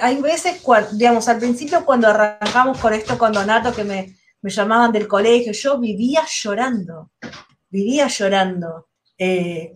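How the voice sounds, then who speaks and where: A middle-aged woman with a Rioplatense Spanish accent and a mid-range voice is a guest on a video call for a casual interview chat, speaking as a mother. She is candid and halting and often restarts her sentences.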